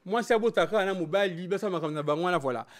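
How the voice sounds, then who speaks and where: A man born in Belgium and raised in Congo, telling his own story as a guest in a candid interview, talking in an animated, emphatic way. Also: high voice, rapid-fire. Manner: animated, emphatic, switching between French and Lingala.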